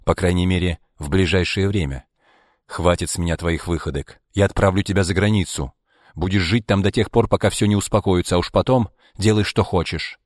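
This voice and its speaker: A man voicing an irritable, powerful middle-aged man who speaks loudly and agitatedly in an audiobook. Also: sits low, fairly quick, dry recording, studio quality, lightly acted. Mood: stern. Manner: loud, agitated, shouting.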